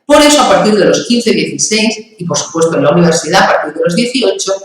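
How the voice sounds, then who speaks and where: A woman from Andalusia, Spain, with an Andalusian accent, speaks as a communication and public speaking trainer in an explanatory interview. Her voice sits on the low side and is sing-song and quick, and she is emphatic and didactic, using examples and rhetorical questions. The low-quality recording has heavy reverb and a distant mic.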